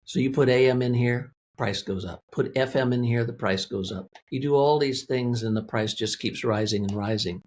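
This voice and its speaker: A man with a mid-range voice, speaking as an interview guest for a weather radio company, explains a product in a plain-spoken, methodical, conversational manner. He talks at a moderate pace with few pauses.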